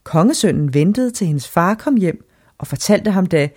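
A woman narrating a fairy tale aloud in an expressive storybook reading style. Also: on the low side, slightly rough.

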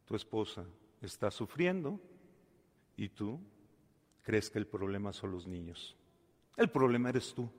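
A man preaching a sermon. He tells a story with dramatic swings from soft to loud and asks the listeners questions. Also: fairly low pitch, expressive, a little slow, long pauses. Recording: long hall reverb.

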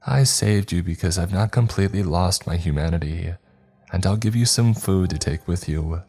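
Man doing a worn older woman castaway, gentle, resigned, low voice, faint music behind. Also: moderate pace, breathy edge. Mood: hard. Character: weary older woman, long-stranded island survivor.

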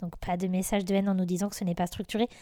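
A woman in her thirties co-hosting a podcast, leading the casual chat with lively enthusiasm. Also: fairly low pitch, racing, dry recording, studio quality. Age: 30s. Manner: lively, enthusiastic, leads the talk. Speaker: podcast co-host.

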